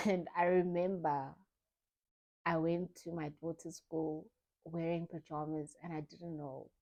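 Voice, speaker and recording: Woman vlogging about loss, soft and reflective, low-ish mellow voice. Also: little pitch movement, unhurried. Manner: soft, reflective, grieving, re-enacting her own thoughts. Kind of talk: personal storytelling vlog.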